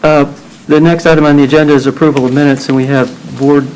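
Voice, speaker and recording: A man chairing a board meeting, running nominations and votes in a polite, procedural, unhurried way. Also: a little high, flat delivery, a little mellow, slight background noise, low-quality recording.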